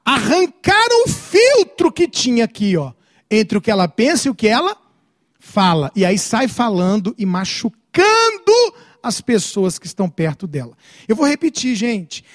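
A middle-aged Brazilian man preaching a sermon as pastor, with an animated delivery and frequent calls to the congregation. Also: high-pitched, dry recording, clean studio sound. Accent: Brazilian Portuguese.

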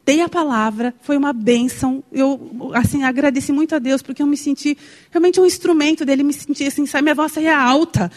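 A woman's voice: sits high, a little mellow. A young woman from Brazil, preaching a sermon and telling a personal story, heartfelt and full of exclamations. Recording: long hall reverb.

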